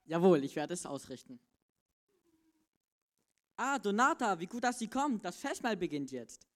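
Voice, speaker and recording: A woman's voice: medium pitch, sing-song, moderate pace, close to an everyday voice. A woman playing a polite, dutiful male servant who speaks to his master in a formal, courteous butler manner, in a church children's Bible play.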